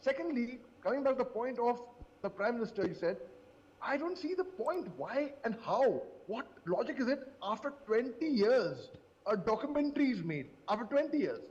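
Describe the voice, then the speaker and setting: A man speaking as a panelist on a live news debate, animated and sarcastic, repeating phrases for emphasis, from a hotel event. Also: extremely high pitch, normal speed, long reverb tail, dull audio.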